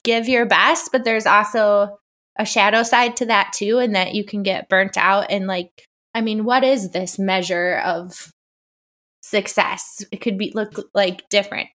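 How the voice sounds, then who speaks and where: A woman co-hosting a podcast in casual chat with her sister, chatty and quick to laugh, with a girlish voice. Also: fairly even intonation, a bit bright. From Illinois. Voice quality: high-pitched girlish voice. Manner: chatty, laughs often, many fillers. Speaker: podcast co-host.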